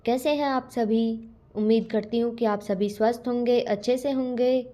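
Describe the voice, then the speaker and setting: A woman teacher reading a school lesson aloud and going through its questions in a clear, patient way. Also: fairly high pitch, fairly even intonation, moderate pace, dark tone. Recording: dull lo-fi recording.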